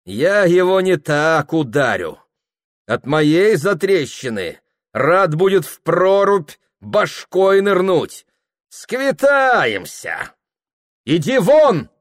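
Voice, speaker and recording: A man's voice: on the high side, big pitch swings, takes it slowly, no room sound, studio quality, voice pushed up. A man voicing a bold, teasing young village beauty with a defiant sing-song manner. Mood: defiant mocking.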